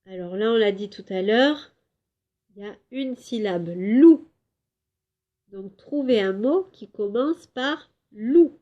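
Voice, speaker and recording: A woman teaching a home lesson to young children, slowly clapping out syllables and drawing out words for them. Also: mid-range voice, lo-fi sound. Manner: slow, clear syllable-by-syllable teaching; drawn-out, emphatic words for children. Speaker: kindergarten teacher.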